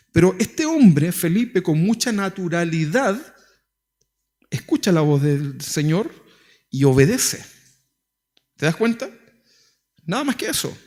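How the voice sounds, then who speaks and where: A man with a Chilean Spanish accent preaching a sermon as pastor, talking conversationally with many rhetorical questions. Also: on the high side. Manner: acts out quoted prayers.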